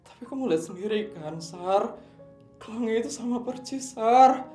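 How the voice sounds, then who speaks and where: A man's voice: high-pitched, steady tone, moderate pace, natural voice. A man voicing a group of supportive teenage schoolgirl friends who comfort and chat casually. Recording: echoey room, faint music.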